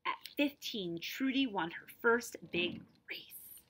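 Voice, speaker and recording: A woman of around forty reads a children's picture book aloud with expression, drawing out key words and adding explanatory asides. She speaks slowly at medium pitch, with lively intonation and a bit of brightness. A device camera at about arm's length picks her up.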